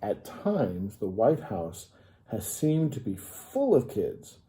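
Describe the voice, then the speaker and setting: An American man with a dark, mellow, fairly low voice reads a children's history book aloud, very animated. He takes an explanatory approach, pausing to add simple clarifications and informal asides for young listeners.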